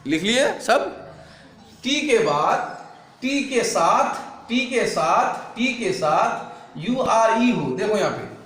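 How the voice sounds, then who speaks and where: A man teaching a classroom lesson, spelling words out slowly and drilling his students with repeated questions. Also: high voice, expressive, a bit bright. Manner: slow, drawn-out spelling. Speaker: English teacher. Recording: echoey room with faint noise.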